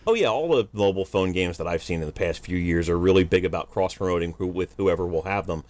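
Male co-host, low voice, dry close sound, blunt offhand talk. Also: fast, a little mellow, no room sound. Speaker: podcast co-host. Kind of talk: casual chat.

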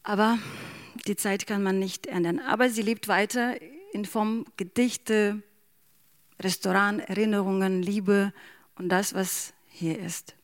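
A woman speaks German slowly and softly, hesitating often with fillers. Her voice sounds dry and close, with no room around it. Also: medium pitch, steady tone, no room sound. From Ukraine. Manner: hesitant, many fillers, soft-spoken. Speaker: interview guest. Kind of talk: slow emotional reading and halting answers.

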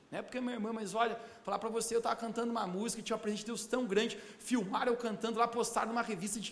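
A young male pastor preaching a sermon, asking the congregation to repeat after him and breaking into shouts. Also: extremely high pitch. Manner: preaching with call-and-response, bursts of shouting. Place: church hall. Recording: echoey hall.

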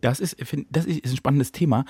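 A young man co-hosting a podcast, teasing his partner in quick casual banter. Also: medium pitch, dark tone, slightly rough, no echo, clean studio sound. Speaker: podcast co-host. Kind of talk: casual chat. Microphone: studio mic.

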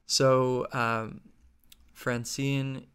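A man's voice: medium pitch, level tone, very slow, a bit bright, smooth. A man hosting a podcast, earnest and a little hesitant, with fillers when asking questions. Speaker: podcast host.

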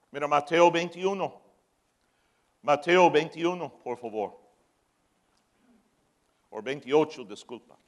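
A man preaching a sermon as pastor, moving from shouted peaks to joking asides. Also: a little high.

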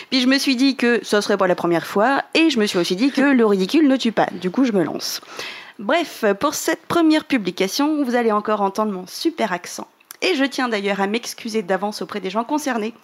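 A woman from Normandy presents a news segment on a fan podcast in a playful, self-mocking way. Her voice sits fairly high, and she teases herself as she goes.

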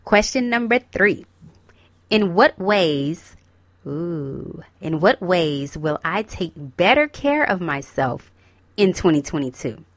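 Speaking slowly in a lowish, very animated voice, a young woman who is getting over a cold chats casually with her audience as host of a self-help talk. She encourages listeners and addresses them directly, and the recording has no room sound.

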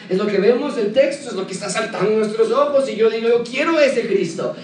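A man's voice: sits high, a little mellow. A man preaching a sermon, speaking directly to his listeners and giving them practical advice. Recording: echoey, from a distance, faint noise.

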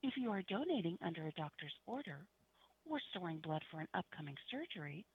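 A woman's recorded phone menu voice heard over a landline phone, reading prompts in an even, measured announcer manner. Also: fairly low pitch, husky. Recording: dull phone line audio.

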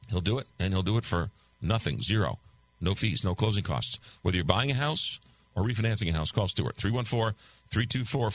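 In a radio studio, an older man hosts a call-in talk show on a studio microphone, loosely reading listener texts and ad copy aloud while losing his voice. He has a lowish, fairly bright voice and a loose, conversational manner. The recording quality is low.

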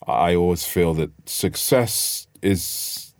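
Deep voiced guy interviewing someone, gushes a bit, goes off on tangents, halting, dry close sound. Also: darkish tone, no echo. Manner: effusive, digressive, halting phrasing. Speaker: interview host. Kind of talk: conversational interviewing.

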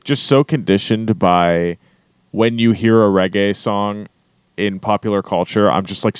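A man co-hosting a podcast in casual chat, joking and animated, with some swearing. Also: low voice, smooth, no echo. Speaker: podcast co-host.

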